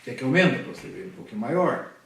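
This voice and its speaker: A man's voice: medium pitch, big pitch swings, fast talker, vocal fry, fairly bright tone, far from the mic. A man with a Brazilian Portuguese accent teaching a Hebrew class, patiently drilling letters and syllables aloud and checking in with his students. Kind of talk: classroom lesson. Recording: echoey room, voice from the mic.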